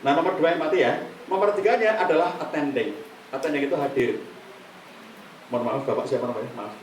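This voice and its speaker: A middle-aged man giving a live workshop on counseling to an audience. He talks in a lively way and acts out examples in quoted voices. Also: on the high side, brisk, slight background noise. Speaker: counseling trainer. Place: meeting room with a live audience. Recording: echoey room from far off, faint ambience.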